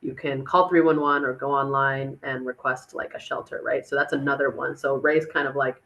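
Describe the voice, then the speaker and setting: A woman's voice: rumbling low, steady tone, normal speed, a bit bright, rough recording. A woman answering audience questions at a tech meetup, casual and chatty with many fillers and restarts. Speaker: speaker on a city dashboard, chief of staff.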